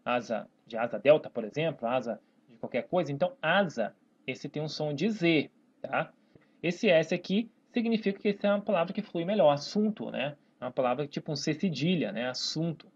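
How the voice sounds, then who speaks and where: In a dull lo-fi recording, a teacher with a Brazilian accent explains Portuguese grammar on a whiteboard. The medium-pitched voice moves fairly quickly with lively intonation and a slightly rough texture, pulling words apart syllable by syllable and checking in with "né?" and "tá, pessoal?".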